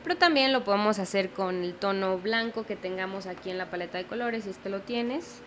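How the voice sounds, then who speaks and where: A young woman walks through a watercolor lesson, unhurried and patient, checking in with the viewer as she goes. Her voice sits in a middle pitch for a woman. A faint hiss of background noise runs under the recording. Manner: patient, explains slowly, often checks in with the viewer. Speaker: watercolor teacher. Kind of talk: step-by-step painting tutorial.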